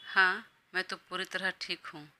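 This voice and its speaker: A woman voicing a shy young wife and student who answers softly and briefly, in an audio story. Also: lowish voice, level tone, unhurried.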